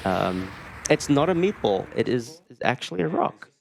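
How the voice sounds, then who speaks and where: A New Zealand man streams a speedrun at a live marathon event, offering casual, dryly funny commentary while he plays. His gravelly voice sits at medium pitch, moves at a normal speed, and is very animated. Game music plays underneath.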